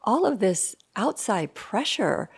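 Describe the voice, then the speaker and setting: A woman in her sixties, a yoga instructor and life coach, giving a slow, reflective and candid interview in a yoga studio. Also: medium pitch, sing-song, creaky, breathy edge. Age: 60s. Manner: slow, thoughtful, warmly candid.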